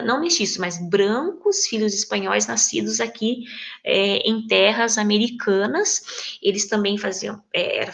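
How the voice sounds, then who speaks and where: Gravelly-voiced woman teaching history, halting. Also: medium pitch. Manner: hesitant, many fillers and self-corrections. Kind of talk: recorded lecture over slides.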